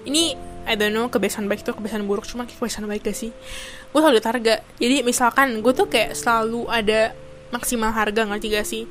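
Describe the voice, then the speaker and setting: A woman's voice: a little high, fairly even intonation, quick pace, a bit bright, faint music behind. A young woman from Indonesia, chatting casually to camera, full of fillers and bits of English. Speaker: vlogger.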